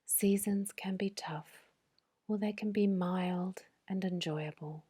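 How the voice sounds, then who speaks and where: A woman whispering a guided sleep meditation in a soft, breathy voice, slow and soothing. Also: mid-range voice.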